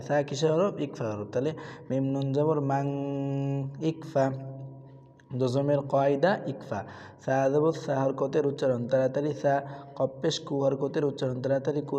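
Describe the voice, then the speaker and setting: A man's voice: mid-range voice, mellow, long reverb tail, muffled recording. A man teaching Quran reading rules, asking questions and answering them himself, with repeated drills of syllables. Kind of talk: tajweed lesson with recitation drills.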